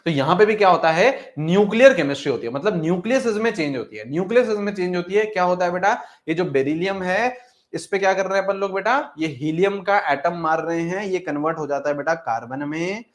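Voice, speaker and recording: A man's voice: high voice, quick pace. A young man teaching chemistry, coaxing and repeating phrases as he asks questions and answers them himself. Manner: mixes English terms into the talk, calls students "beta". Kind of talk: classroom lecture.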